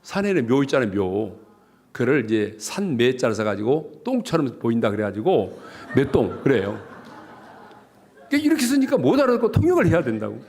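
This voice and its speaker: Animated man preaching a revival sermon. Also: mid-range voice, a little fast. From South Jeolla, Korea. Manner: animated, joking preaching with dialect humor. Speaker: pastor.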